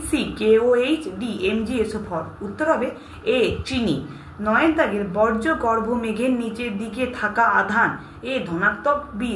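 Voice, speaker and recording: A woman teacher, reading exam questions and their answers aloud and steadily telling students what to learn. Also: a little high. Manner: steady, instructive, addresses students directly. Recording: echoey room with faint hiss.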